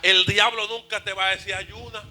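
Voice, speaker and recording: A male pastor preaching a fervent sermon, shouting and half-singing his phrases. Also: high voice, little pitch movement, moderate pace, background noise.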